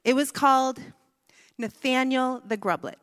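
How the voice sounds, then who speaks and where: Speaking to a women's gathering in an echoey hall, an adult woman with a son delivers a sermon, opening with a playful childhood story before moving into scripture and prayer. Her voice is high-pitched, clear and resonant, with a fairly bright tone and a slightly slow pace.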